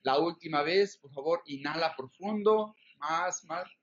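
A man with a slightly high voice leads a guided breathing exercise. He counts breaths slowly, giving short instructions and repeating them. The recording is a little dull and lo-fi. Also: a bit bright. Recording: dull, lo-fi sound.

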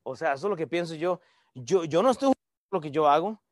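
Man, pastor type, conversational online sermon, somewhat high voice. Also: animated, fast talker, no echo, studio quality. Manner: conversational, teasing asides to online viewers.

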